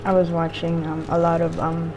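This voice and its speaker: A woman's voice: lowish voice, monotone, normal speed. A woman chatting casually and informally between bites of food, meandering from thought to thought as in a mukbang vlog. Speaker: vlogger eating on camera while reviewing a show. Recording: clearly audible background noise.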